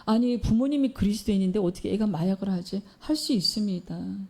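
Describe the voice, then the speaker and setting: A woman's voice: medium pitch, brisk, a little mellow. A woman preacher giving a sermon in a church, telling a story and posing questions to the congregation.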